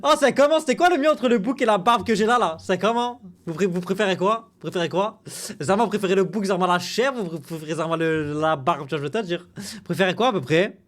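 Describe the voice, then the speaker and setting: A young man reacting to a video, animated, joking and swearing freely. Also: sits high, quick pace. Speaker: content creator reacting to a video. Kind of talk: casual reaction commentary.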